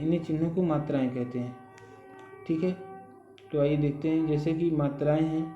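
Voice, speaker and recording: A man teaching a grammar lesson, explaining step by step and often checking in with the listener. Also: a little high. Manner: slow, patient explaining with frequent "ठीक है" check-ins. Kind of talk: recorded Hindi grammar lesson. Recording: dull echoey room sound.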